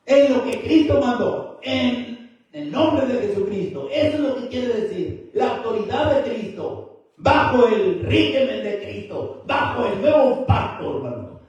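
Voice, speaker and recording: High-voiced preacher man in an echoey hall. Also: expressive, measured pace, a little mellow, muffled recording. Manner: emphatic, repeatedly addresses listeners as brother. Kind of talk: Spanish-language church sermon. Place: church hall. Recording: very echoey hall, mic far off.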